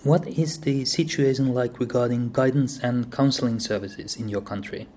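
A man hosts the podcast at a mid pitch. He reads his introduction in a measured way. His questions come out with some hesitant fillers. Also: warm tone. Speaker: podcast host and interviewer. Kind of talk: scripted intro, then interview questions.

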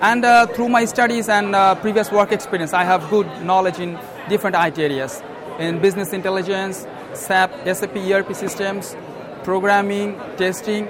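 A man's voice: sits high, steady tone, normal speed. A man from Bangladesh, a master's student, answering interview questions hesitantly with many fillers. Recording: crowd chatter behind.

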